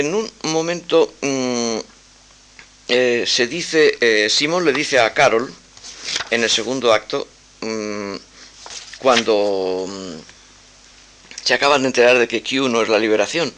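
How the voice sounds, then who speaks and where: A man lectures on his own opera with a bright, clear-edged voice. He talks at a medium pitch, weighing each phrase analytically. Small hesitant fillers break up his explanations. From Spain. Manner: measured and thoughtful, hesitant fillers between phrases.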